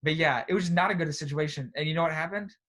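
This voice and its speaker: This is a young man co-hosting a casual podcast, and his voice sits a little high for a man. He tells his stories in an animated rush and keeps checking in with "right?" and "bro". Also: fast talker. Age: young adult. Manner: animated storyteller, often adds "right?" and "bro". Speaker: podcast co-host. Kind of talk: casual chat.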